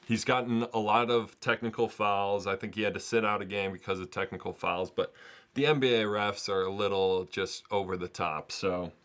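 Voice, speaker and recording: A man's voice: fairly low pitch, fairly even intonation, normal speed, fairly bright tone. A man hosting a sports video, talking casually in a rambling, self-deprecating way. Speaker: sports vlogger and host.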